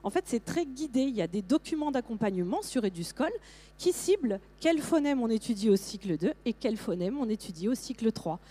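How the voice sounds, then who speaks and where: Middle-aged woman, lively conference speaker, rather high and mellow voice, talks to teachers. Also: a little fast. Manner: lively, many fillers and restarts. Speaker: teacher trainer presenting to teachers. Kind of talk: conference talk.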